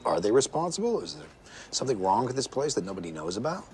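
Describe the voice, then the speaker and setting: Male investigator, played by an actor: blunt, probing, brisk film delivery, faint noise behind. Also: medium pitch, sing-song, a little mellow, close to an everyday voice. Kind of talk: film dialogue.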